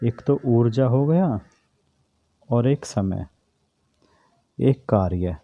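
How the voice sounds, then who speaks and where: A man's voice: medium pitch, animated, extremely slow, vocal fry, phone-quality sound. A man teaching an exam-prep physics lesson, who keeps asking questions and answering them himself. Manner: repetitive, asks and answers own questions.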